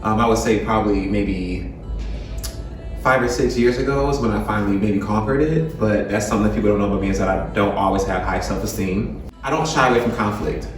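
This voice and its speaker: A man's voice: on the low side, a little fast, soft background music. A man of thirty introducing himself as a tennis instructor, earnest and plain-spoken. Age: 30s. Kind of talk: casual self-introduction. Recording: echoey room, distant mic.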